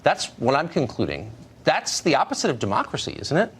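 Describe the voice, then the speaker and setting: A man's voice: a little high, huge pitch swings, a little fast, breathy edge. A man hosting a cable news interview, putting pointed questions to his guest. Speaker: TV news host.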